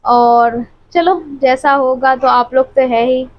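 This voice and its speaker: A woman with a high voice pours out her troubles to her viewers in a heartfelt, emotional way. She is filming herself at home on a phone camera held close. The audio is dull and lo-fi. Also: takes it slowly. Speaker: family vlogger. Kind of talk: tearful personal confiding to viewers. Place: at home, by the bed.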